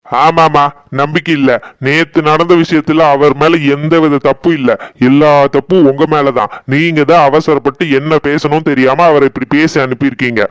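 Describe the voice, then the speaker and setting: A man with a Tirunelveli Tamil accent voicing a gentle young husband in a cartoon, soothing his wife and standing firm with his mother. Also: on the high side, steady tone, moderate pace, clean tone, dry recording, close to an everyday voice. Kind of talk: cartoon voice acting.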